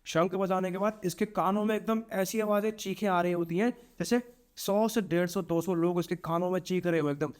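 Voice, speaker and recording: A man's voice: sits high, moderate pace. Man telling a horror story. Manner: animated, repetitive, acts out voices. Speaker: podcast guest storyteller.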